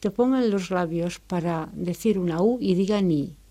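A woman teaching French, explaining sounds and grammar with a clear, careful delivery and French examples. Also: lowish voice, moderate pace, warm tone.

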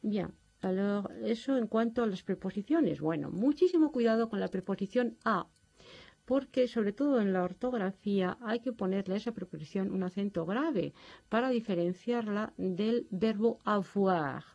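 Lady teacher explaining french grammar, slow and patient, gravelly mellow voice. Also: mid-range voice, dull audio. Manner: didactic, patient, addresses students formally. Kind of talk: lecture to distance learners.

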